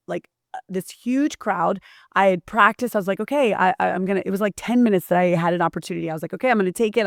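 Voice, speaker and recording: A woman hosting an interview, telling a personal story in an animated way with frequent restarts. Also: mid-range voice, creaky, no room sound, clean studio sound. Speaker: podcast host. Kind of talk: casual interview chat.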